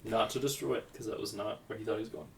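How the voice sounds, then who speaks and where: A man's voice: on the low side, fairly even intonation, racing, gravelly. A man chatting as a podcast guest, enthusiastic and rambling, often searching for the right word. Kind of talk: casual chat. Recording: distant mic, faint background noise.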